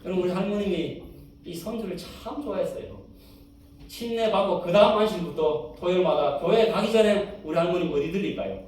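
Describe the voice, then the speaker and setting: A pastor with a Gyeongsang Korean accent preaches in a church sanctuary, telling an anecdote and mimicking grandmothers' dialect voices. His voice sits high with a darkish tone and he speaks a little fast; the sound is roomy and distant, with slight background noise.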